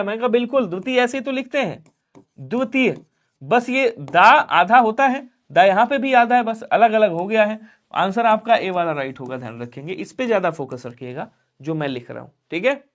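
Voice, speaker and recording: A man teaching an online exam-prep grammar lesson, explaining step by step and asking his students questions that he answers himself. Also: high-pitched. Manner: urges viewers to like and subscribe.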